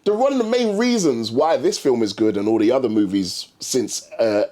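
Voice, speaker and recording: A man's voice: medium pitch, animated, moderate pace, mellow. A man with an urban London roadman accent and street slang, co-hosting a casual film review chat. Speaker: co-host.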